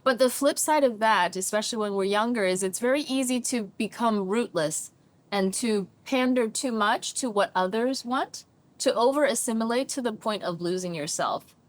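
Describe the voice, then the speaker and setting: A middle-aged therapist and coach from China talks as an interview guest, her voice a little high at a moderate pace, with no room sound. Speaking English with a mildly American-leaning accent, she is thoughtful and animated in this reflective conversation, often saying "right?".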